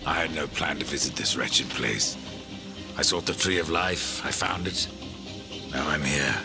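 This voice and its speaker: A man's voice: very deep voice, measured pace. A man voicing Death, a grim, suspicious pale rider in a video game, terse and brooding. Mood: grim, resolute. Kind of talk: video game cutscene acting. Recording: loud music under the voice.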